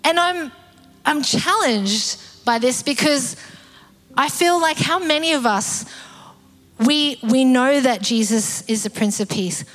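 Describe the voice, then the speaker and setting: A middle-aged woman preaching a sermon, animated and acting out quoted voices. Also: sits high, slow pace. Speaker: pastor.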